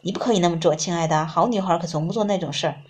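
Storybook role: female reader plays a polite, controlling middle-aged mother; gentle tone, iron firmness. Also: fairly low pitch, very fast, natural voice. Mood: scolding. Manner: gently scolding, firm and commanding. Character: genteel but domineering pious mother, middle-aged.

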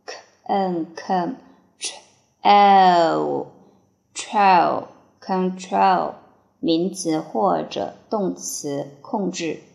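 A woman's voice: fairly low pitch, creaky. Teacher, female, spells out vocabulary word by word at a crawling pace; roomy echo. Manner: spells words letter by letter and gives meanings. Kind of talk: slow word-by-word dictation lesson. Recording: echoey room.

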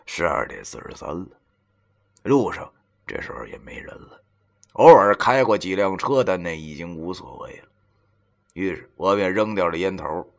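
A man narrating a first-person story in a loose, colloquial way, swearing now and then and grumbling constantly. His pitch rises and falls sharply, and his delivery is full of drama. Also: bright, forceful tone. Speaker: audiobook narrator.

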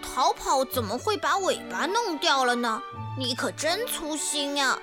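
A woman's voice: high voice, expressive, unhurried, music in the background, voice pushed up. A woman voicing a kind, curious little child who asks caring, sing-song questions in a children's story.

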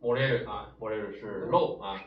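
A man teaching Japanese vocabulary, explaining each word and asking rhetorical questions, with many drawn-out "ah" fillers. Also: fairly low pitch, dull audio, a little hiss or hum. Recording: roomy echo, mic at a distance, faint ambience.

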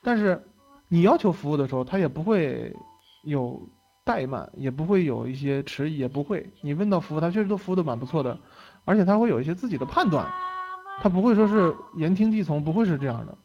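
A man's voice: a little high, lively intonation, quick pace, husky, lo-fi sound. A young man giving a lecture in a casual storytelling way. He talks in a chatty manner, laughs often and tags his phrases with "OK" and "right?". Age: young adult.

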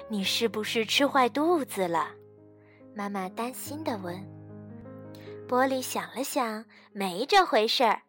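Slow, bright-voiced woman reading a bedtime story. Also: on the high side, dry recording. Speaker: children's story teacher.

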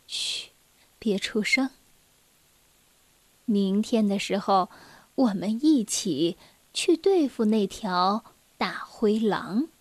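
A woman voicing a gentle, calm mother in a children's storybook, speaking softly and soothingly, well below her own narrating voice. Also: a little high, a little slow, no echo. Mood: soothing hush. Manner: soft, hushed, soothing.

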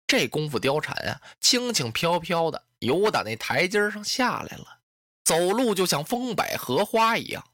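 A storyteller telling a classic tale in an animated way, voicing sound effects and adding asides. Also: mid-range voice, normal speed, no echo, clean studio sound. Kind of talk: traditional storytelling.

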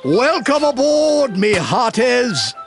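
A man's voice: extremely high pitch, big pitch swings, slow, faint music behind, full character voice. A man voicing an old grandfather pig, a pompous, blustering boat captain in a children's cartoon. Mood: pompous, commanding. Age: older. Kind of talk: cartoon acting.

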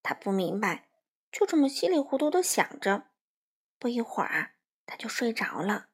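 A woman reading a children's picture book aloud to young listeners in a gentle, unhurried way. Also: a little high, sing-song, slightly rough.

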